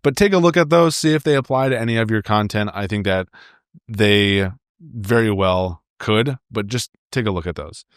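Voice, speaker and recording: A man's voice: on the low side, normal speed, smooth, dry recording, clean studio sound. A young man hosting a solo podcast, giving friendly, upbeat advice straight to his listeners. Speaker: podcast host.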